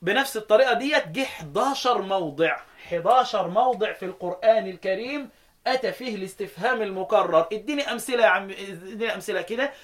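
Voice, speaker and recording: A man with an Egyptian accent teaching a Quran recitation lesson, quizzing his students and chanting verse lines slowly before explaining them. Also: high-pitched.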